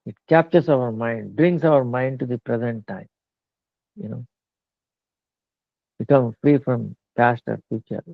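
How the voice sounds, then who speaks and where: A man giving a slow devotional discourse, pausing often with fillers. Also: mid-range voice, gravelly, dry recording. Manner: slow halting talk with many fillers. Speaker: spiritual teacher. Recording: tinny phone-like line.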